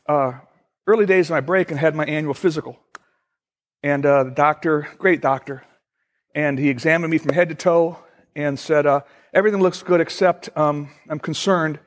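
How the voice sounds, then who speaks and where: A middle-aged man, a pastor, preaching a sermon in a conversational, storytelling way with frequent pauses. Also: a little high.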